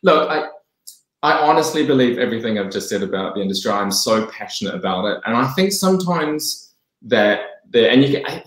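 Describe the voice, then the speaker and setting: Speaking from home on a video call, a New Zealand man in his forties who co-founded a fragrance brand chats eagerly and fast as a guest, with frequent laughter. His mid-range voice is animated, and the webcam mic captures plenty of room echo.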